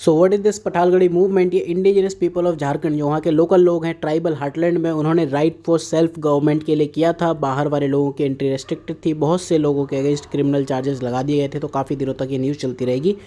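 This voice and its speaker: A man's voice: on the high side, flat delivery, brisk, hardly any pauses, dark tone. A young man teaching a casual exam prep lesson, mixing Hindi and English with joking asides. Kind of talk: casual current affairs lesson.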